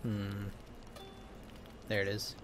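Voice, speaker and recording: A man streams a video game, chatting casually and reacting with jokes and swearing. His voice is lowish and completely flat, with drawn-out words, heard over loud music.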